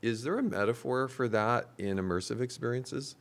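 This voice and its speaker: A man hosting a conversational panel discussion, talking in a measured, thoughtful way and posing questions to his guests. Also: mid-range voice, creaky. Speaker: host and company executive.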